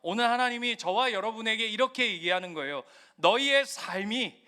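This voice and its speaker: A man preaches in a conversational way, often turning to ask the congregation questions. His voice sits high and carries a bright, ringing edge. Now and then he slips into a mocking voice to act out what others say. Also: normal speed, clear, resonant tone. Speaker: pastor. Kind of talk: sermon.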